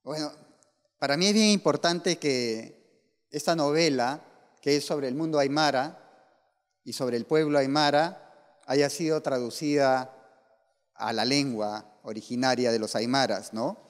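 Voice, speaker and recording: A man presenting his novel to an audience, reading aloud and then telling anecdotes that he acts out with lively dialogue. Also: mid-range voice, measured pace, pauses often. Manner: animated storyteller acting out dialogue. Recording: long hall reverb.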